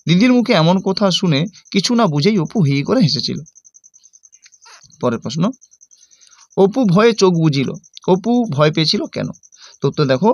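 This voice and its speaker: A brisk male teacher with a Bengali accent from West Bengal reads out exam questions and then explains each answer directly to his students. His voice sits a little high for a man and moves at a fast clip. The sound is close and dry, with no room around it. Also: no echo, highs cut off. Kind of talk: exam-prep lesson.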